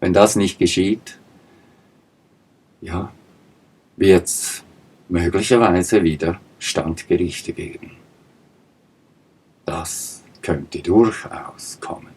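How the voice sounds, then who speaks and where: Slow, husky man lecturing. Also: sits low, darkish tone. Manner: emphatic and insistent, with rhetorical questions and pointed repetitions. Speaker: political commentator. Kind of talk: spoken political monologue.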